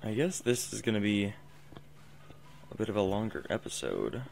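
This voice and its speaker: Low gravelly young man narrating gameplay. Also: big pitch swings, moderate pace, a little mellow, a little hiss or hum. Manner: chatty, self-interrupting play-by-play. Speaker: gaming channel host. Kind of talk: casual game commentary. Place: home room. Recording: faint background music.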